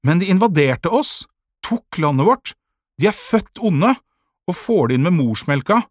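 A man voicing a headstrong twelve-year-old boy in an audiobook, defiant and grumbling, with a husky tone. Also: on the high side, animated, no echo, clean studio sound, pitched above the performer's own voice. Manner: defiant, grumbling, quick to bristle. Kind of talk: audiobook character voice.

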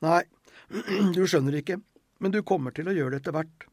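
A man voicing a determined, protective thirteen-year-old boy who speaks firmly and insists, with a husky voice. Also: on the high side, darkish tone, dry recording, clean studio sound, voice pushed up, close to an everyday voice. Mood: insistent. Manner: firm, insistent.

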